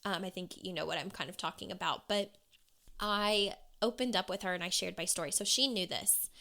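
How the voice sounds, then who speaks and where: A woman's voice: lowish voice, brisk, creaky, pushed and bright. A young adult woman hosting a podcast, telling her own story candidly in a conversational way with frequent filler words. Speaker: podcast host and coach. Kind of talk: personal storytelling monologue.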